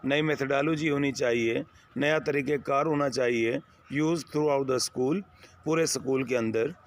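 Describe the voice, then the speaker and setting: A man's voice: medium pitch, steady tone, slight background noise. A male teacher lecturing a class, reading lines and glossing each phrase with many synonyms. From Pakistan. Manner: reads English phrases slowly, then glosses them in Hindi-Urdu with many synonyms; addresses students as "my son" and "sir", with frequent fillers. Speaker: English teacher. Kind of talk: classroom lecture explaining a text line by line.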